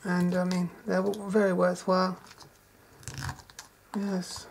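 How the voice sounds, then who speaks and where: Woman, gravelly voice, flat delivery, casual cooking vlog, chatty, enthusiastic. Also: on the low side, slow pace, a little hiss or hum. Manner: chatty and enthusiastic, savoring each taste aloud. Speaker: home gardener and cook. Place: shearing shed kitchen.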